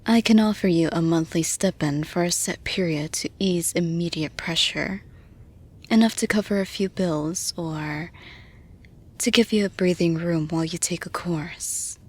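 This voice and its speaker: This ASMR-style roleplay monologue features a woman voicing a nurturing boss, her breathy, lowish voice moving at a very slow pace. She sounds gentle and reassuring, soothing in a maternal hush and frequently sinking into whispers without any hurry.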